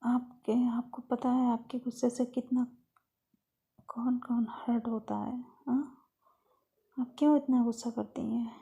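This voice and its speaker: A caring young woman, soft and coaxing, gently scolding with a slightly raised voice, as a woman storyteller puts her on. Her tone is dark and gravelly, with a husky edge. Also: fairly high pitch, little pitch movement, unhurried, long pauses, lo-fi sound, exaggerated voice. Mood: tender.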